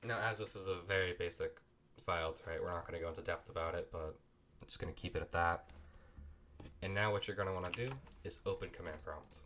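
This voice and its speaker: Low-voiced sick man giving a coding tutorial. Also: steady tone, brisk, fairly bright tone. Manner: loose and apologetic, talks while clicking through steps. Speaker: tutorial host. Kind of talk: casual screen-recorded coding tutorial.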